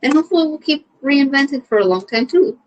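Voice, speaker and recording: Young woman comic, slightly high voice, rambly, loose, swears easily. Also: lively intonation, fast talker, highs cut off. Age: young adult. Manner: rambling, filler-heavy, swears casually. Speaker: comedian answering questions. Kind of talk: casual chat.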